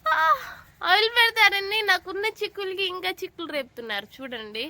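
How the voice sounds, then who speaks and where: A woman's voice: very high-pitched, very animated, a little fast, pushed and bright, no echo. A woman vlogger chatting casually at home in a playful, teasing, coaxing way. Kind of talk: casual home vlog chat.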